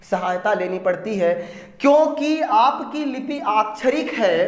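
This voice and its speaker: High-voiced man teaching in an echoey room. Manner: asks the class questions and answers them himself, repeating key terms; addresses listeners as "bandhu" and "bhaiya". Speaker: Hindi teacher. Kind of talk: exam-prep grammar lecture. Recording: roomy echo with mains hum.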